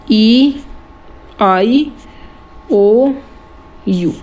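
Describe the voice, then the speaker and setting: In a casual tutorial on writing rap, a man with an extremely high-pitched voice speaks Hindi mixed with English terms. He often repeats words slowly to break them into syllables.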